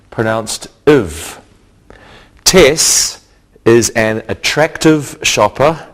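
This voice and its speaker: A man teaching an English lesson, spelling out word endings letter by letter and giving example sentences. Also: medium pitch. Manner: slow, deliberate, spells out letters. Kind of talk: slow classroom lesson with examples.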